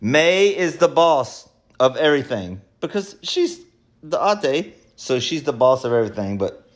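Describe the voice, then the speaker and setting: A man's voice: mid-range voice, big pitch swings, moderate pace. Man, middle-aged, casual home vlog, rambling, joking, repetitive. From United States. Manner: rambling, joking, repeats himself. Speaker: vlogger.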